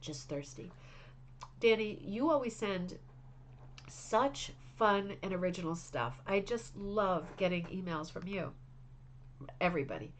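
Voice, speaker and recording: Hosting a craft club livestream, a woman chats enthusiastically and reads out viewer messages, with lots of fillers and restarts. Her mid-range voice is animated, measured, and slightly congested, broken by long pauses, with background noise audible.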